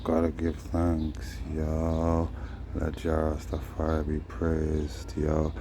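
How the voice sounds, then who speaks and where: A man speaking in Rastafarian patois, rambling casually in a drawn-out, preachy way with frequent tag phrases. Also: a bass voice, monotone, background noise. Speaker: host. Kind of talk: casual rambling vlog monologue in Rastafarian speech.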